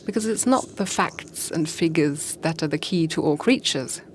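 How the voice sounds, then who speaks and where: A woman speaking to a group, easing into a fairy-tale parable at an unhurried pace. She pauses often and drops in small fillers as she goes. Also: low voice, expressive. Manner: slow, pausing, with fillers. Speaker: speaker on fasting. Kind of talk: storytelling talk.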